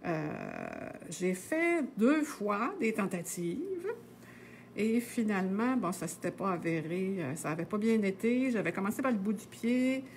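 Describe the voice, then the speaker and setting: A woman's voice: mid-range voice, wildly swooping pitch, unhurried, slight background noise. A middle-aged woman with a Québécois French accent, casually teaching knitting on a live stream. She talks in a chatty, meandering way, full of hesitations and tag words.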